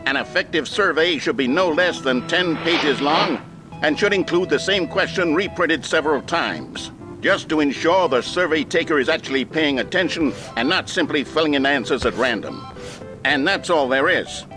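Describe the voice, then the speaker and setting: An actor playing an earnest, jingoistic presenter narrating a vintage instructional film in a hearty, pompous, didactic way. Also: male voice, fairly high pitch, lively intonation, normal speed, music in the background, lightly acted, rough recording. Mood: cheerfully instructive.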